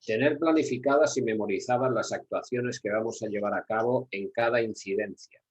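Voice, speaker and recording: A man's voice: lowish voice, brisk, breathy edge, rough recording. A middle-aged man from Spain with a Spanish accent, lecturing at a workshop for security staff, repeating key words and asking rhetorical questions. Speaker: security trainer.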